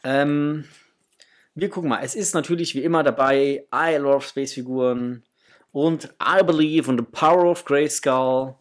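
This toy unboxing vlogger, a man in his thirties or forties, talks casually to viewers in a small indoor room at home. His medium-pitched voice stays fairly even and unhurried as he speaks with effusive affection for his audience.

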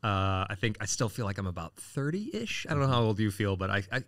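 This late-forties city council candidate has a lowish, fairly bright voice that swings widely in pitch and moves a little fast. He answers the interview casually, rambling with frequent fillers and restarts, and the recording has no echo.

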